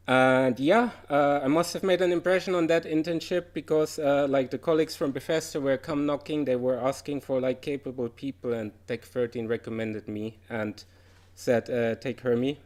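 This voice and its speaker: A man from Germany, medium-pitched with a darkish tone, speaks informally at a conference about working in game development. His delivery is chatty, full of "uh" fillers, with occasional light laughs.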